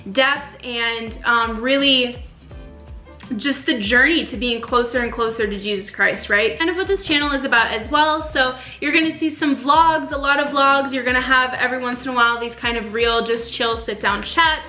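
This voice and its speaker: A woman's voice: high voice, moderate pace, bright, forceful tone. A young woman born in Romania, earnestly chatting in a casual sit-down faith vlog, with many ums and likes. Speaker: faith vlogger. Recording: roomy echo with faint music.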